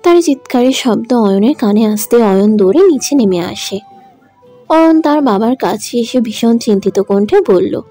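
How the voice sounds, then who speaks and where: Warm-toned woman narrating a drama. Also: on the high side, expressive, moderate pace, soft background music. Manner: dramatic, emotive. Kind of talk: scripted story narration.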